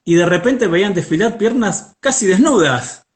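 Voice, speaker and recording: Casting: male history presenter, Buenos Aires accent, slightly high voice, chatty storyteller with wry mock-solemn touches. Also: expressive, normal speed, a loud crowd. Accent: Buenos Aires Argentine.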